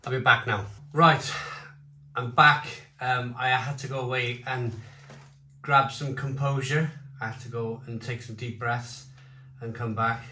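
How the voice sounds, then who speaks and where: Casting: male casual reviewer, halting and repetitive delivery, bright tone, roomy home recording with slight noise. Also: medium pitch, steady tone. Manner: halting, repeats phrases. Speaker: food and beer reviewer. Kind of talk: casual unscripted video review. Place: home conservatory. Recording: roomy echo, faint background noise.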